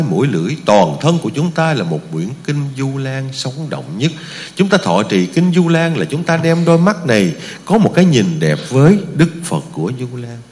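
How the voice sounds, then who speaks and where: A man's voice: medium pitch, darkish tone, in a large hall. A man preaching a Buddhist sermon to his congregation, speaking emphatically and often asking his listeners rhetorical questions.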